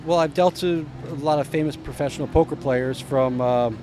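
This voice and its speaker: A middle-aged man from New Jersey appears as a podcast guest in a casual chat, his voice on the high side and his pace moderate, with background noise. He rambles through long stories, drops names, and trails off with fillers like "uh."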